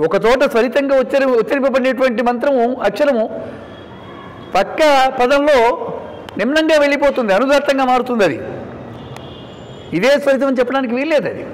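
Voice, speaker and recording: A man giving a devotional scripture discourse in an emphatic, instructive way, swinging between loud stresses and quiet asides. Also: very high-pitched, a little fast, long pauses. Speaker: religious discourse speaker. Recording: reverberant hall with faint background noise.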